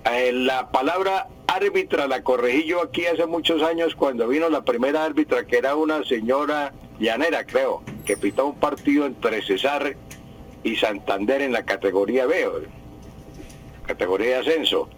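A man's voice: mid-range voice, normal speed, rough recording. A man, a language expert on a radio call-in show, patiently correcting word usage and repeating terms for emphasis.

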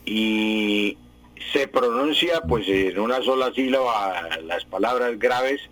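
A man's voice: mid-range voice, takes it slowly, a bit bright, dry recording, poor audio. A man explaining word spelling and meaning to radio listeners in a patient, explanatory way with many fillers. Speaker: language expert answering listeners.

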